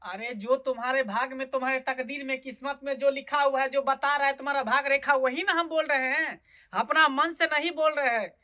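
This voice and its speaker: Sketch: chuckling lecherous fake godman with a lilt, voiced by a woman, bright tone, higher than usual. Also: steady tone, fairly quick. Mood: ominous. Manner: sly, wheedling, chuckles often. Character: sleazy lecherous fake holy man, male, middle-aged. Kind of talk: comic sketch acting.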